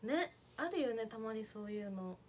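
A woman's voice: a little high, lively intonation, normal speed, slight background noise. A young woman chatting casually on a livestream, reading out viewer comments and thanking them as she goes. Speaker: idol livestreamer.

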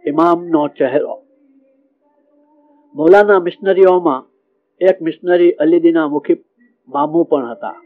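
A man tells a devotional story with feeling, now and then breaking into recited verses and prayers. His voice is a little high for a man. The audio is thin and narrow, like it came over a phone. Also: measured pace, pauses often. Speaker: religious storyteller.

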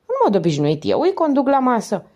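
A woman puts on a formal male head waiter of about fifty from an audiobook, polite and precise. His voice rides higher than her narration, with a lively lilt.

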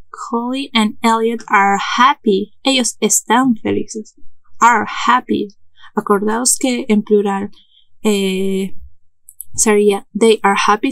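A woman's voice: mid-range voice, no room sound. A woman giving a recorded English lesson, speaking patiently, repeating each example and correcting herself as she goes. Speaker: English instructor. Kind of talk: recorded online language lesson.

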